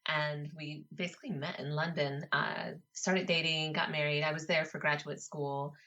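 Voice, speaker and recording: An American woman with a low voice chats casually as an interview guest. The call audio is a little dull and lo-fi. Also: flat delivery, normal speed, pushed and bright. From Colorado, United States. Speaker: interview guest, travel and food blogger. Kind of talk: casual conversational storytelling.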